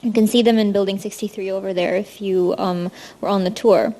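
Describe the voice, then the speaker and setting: A woman's voice: medium pitch, steady tone, fairly quick, dark tone. A young woman from India, a university student, giving a casual presentation to an audience, with frequent ums. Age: young adult. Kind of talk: presentation talk.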